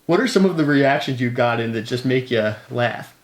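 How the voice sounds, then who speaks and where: A man asks short, plain interview questions from off camera. His voice sits at an everyday middle pitch. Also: expressive, moderate pace.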